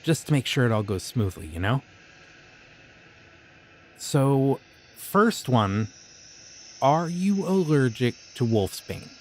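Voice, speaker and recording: This voice actor, speaking in a mid-range voice, portrays a young occult shopkeeper in an audio roleplay, friendly but creepy, discussing dark rituals in a relaxed, casual manner. He is very animated yet slow, with long pauses, and a slight hiss or hum sits in the recording.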